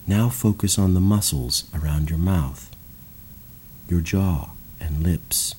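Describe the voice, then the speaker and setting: Deep calm man guiding relaxation. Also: a little hiss or hum. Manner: slow, calm, soothing instructions. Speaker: meditation guide. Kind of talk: guided relaxation narration.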